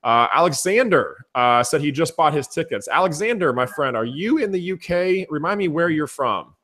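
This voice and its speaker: A man hosting a casual webinar, energetic and enthusiastic as he talks to his viewers, his voice going hoarse. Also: a little high, moderate pace. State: losing his voice. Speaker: webinar host.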